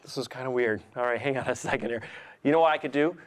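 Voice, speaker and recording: A kids' magician working as a guest entertainer delivers interactive magic show patter, playfully encouraging children and asking them simple questions as he talks them through a trick. His voice is medium-pitched and quick.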